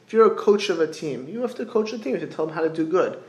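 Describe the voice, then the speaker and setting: Higher-voiced man, echoey room. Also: lively intonation, darkish tone. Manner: halting, repeats phrases, rhetorical questions. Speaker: rabbi giving a religious class. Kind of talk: informal sermon, explaining texts with anecdotes.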